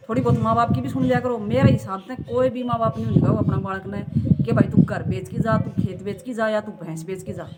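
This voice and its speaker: A woman vlogger, scolding her viewers in an impassioned rant full of rhetorical questions. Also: a little high. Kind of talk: impassioned talking-to-camera rant. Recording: loud background noise.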